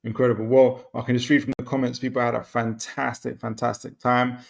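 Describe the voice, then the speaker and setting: A man's voice: mid-range voice, level tone, a little fast, vocal fry. A man hosting a football talk show, upbeat, summing up the episode and laughing along with his guest. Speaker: host. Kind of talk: podcast hosting and football chat.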